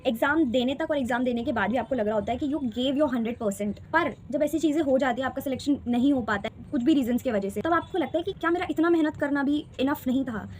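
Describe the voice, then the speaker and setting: High-pitched young woman, candid vlog. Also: fast, hardly any pauses, a little mellow, slight background noise. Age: 20s. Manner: earnest, reflective, mixes Hindi with English phrases. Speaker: vlogger sharing exam experience. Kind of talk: candid personal vlog talk.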